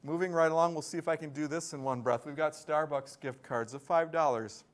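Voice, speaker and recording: A man with a slightly high voice delivers live school morning announcements. He is upbeat and rattles off long lists of names, breaking into bursts of excitement between them. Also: brisk.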